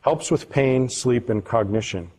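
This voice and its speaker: A man presents research results in a lecture room, at an ordinary middle pitch. He hesitates often, filling pauses with ums and restarting phrases. A faint background noise sits under his voice. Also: a little mellow. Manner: halting, with many ums and restarts; reads patient quotes aloud, moved at times.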